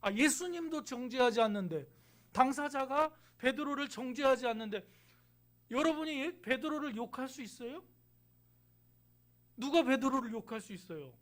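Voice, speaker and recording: A man's voice: sits high, fairly bright tone. A male pastor delivering a conversational sermon, asking the congregation rhetorical questions and acting out quoted lines. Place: church sanctuary.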